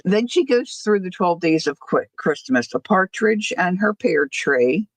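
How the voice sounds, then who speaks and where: A woman's voice: on the low side, very animated, a little slow, dry recording, rough recording. An older woman chatting casually as a livestream host, rambling easily through asides, her words slightly slurred from missing front teeth. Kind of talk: casual chat.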